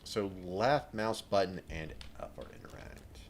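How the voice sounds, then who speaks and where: A man's voice: lowish voice, expressive, a little slow, slight background noise. A man hosting a let's play, giving rambling, chatty gameplay commentary with lots of filler words.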